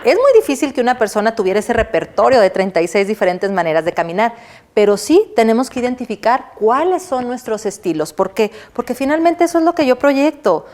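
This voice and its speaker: A woman's voice: on the high side, sing-song, a little fast, a little mellow. Woman lecturing a class. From Mexico. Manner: didactic, asks the class rhetorical questions and answers them; checks in with the listener by adding "¿sí?". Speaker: university lecturer.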